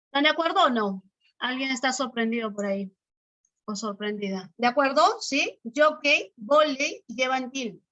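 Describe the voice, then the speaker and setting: Bright, high-voiced teacher woman. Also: expressive, normal speed, dull audio. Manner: explains step by step and keeps checking with short questions; repeats key terms patiently. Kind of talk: online class lesson.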